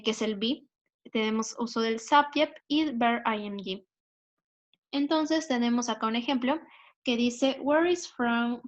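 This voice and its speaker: A woman with a Peruvian Spanish accent, explaining English grammar patiently over slides, with many fillers and tag questions. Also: a little high. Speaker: English teacher. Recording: dull lo-fi recording.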